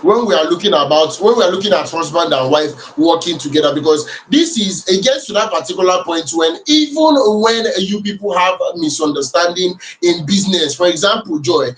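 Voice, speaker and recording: This is a Nigerian-accented man with a notably high-pitched voice. He comments conversationally as a talk show co-host, moving back and forth between English and Nigerian Pidgin. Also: fairly bright tone, a little hiss or hum, low-quality recording.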